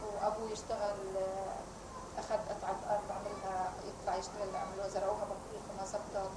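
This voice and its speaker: An older woman from Palestine recounting family memories in a rambling, animated interview. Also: medium pitch, quick pace. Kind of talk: oral history recollection. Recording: roomy, loud vehicle noise.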